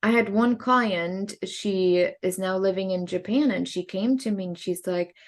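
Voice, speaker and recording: A woman's voice: mid-range voice, measured pace. A woman, a holistic practitioner co-hosting a podcast, explaining in an earnest, meandering way. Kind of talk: casual podcast chat.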